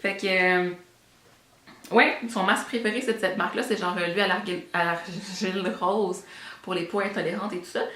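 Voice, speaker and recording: This young woman, a beauty vlogger with a Québécois French accent, rambles casually about products she bought, mixing in English words. She speaks at a normal speed in a steady, mid-range, slightly bright voice, with an echo from the room.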